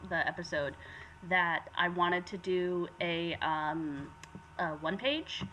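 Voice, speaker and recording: A woman's voice: lowish voice, takes it slowly, bright, forceful tone, a little hiss or hum, poor audio. Giggly, chatty woman podcast guest. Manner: chatty, giggly, trails off with fillers. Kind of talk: casual chat.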